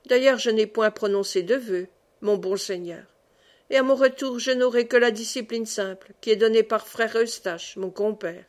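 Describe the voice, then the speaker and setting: A woman's voice: a little high, normal speed, darkish tone, close to an everyday voice. A woman reading the lines of a jovial, talkative male monk who rambles from one tale to another in an audiobook. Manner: rambling, digressive, pleading.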